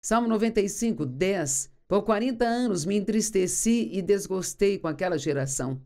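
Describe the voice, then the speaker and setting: A woman's voice: medium pitch, lively intonation, moderate pace, dark tone. A woman giving an earnest sermon teaching as a dubbed voice-over, reading scripture aloud and explaining it. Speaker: Bible teacher.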